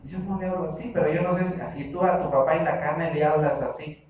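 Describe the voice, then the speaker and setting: A man's voice: fairly high pitch, fairly even intonation, brisk, a little mellow, very echoey, far from the mic, highs cut off, a little hiss or hum. A man with a Mexican accent preaching a sermon as pastor, emphatic and repetitive, mimicking how people pray. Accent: Mexican Spanish.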